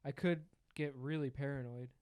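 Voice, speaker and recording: A man's voice: mid-range voice, steady tone, moderate pace, darkish tone, clean tone, no room sound. A young man co-hosting a podcast, easygoing and teasing, with a few ums in casual chat. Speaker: podcast co-host.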